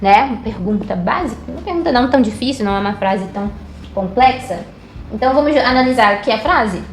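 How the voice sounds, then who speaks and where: Woman teaching a lesson, kinda high voice, patient, repeats stuff slow, faint music behind. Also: expressive. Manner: patient, explanatory, repeats words slowly. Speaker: Hebrew teacher. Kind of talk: online language lesson.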